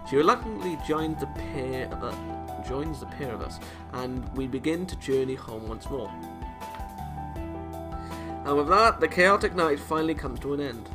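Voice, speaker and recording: Over background music from the game, a man hosts a let's play, reading a visual novel aloud at a normal speed. His voice is fairly high with lively intonation, and he keeps breaking off to make casual, joking, teasing remarks about the story.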